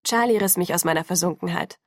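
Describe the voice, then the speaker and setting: A woman narrating a first-person novel as an audiobook in a measured, even way. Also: fairly low pitch, no room sound, studio quality. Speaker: audiobook reader.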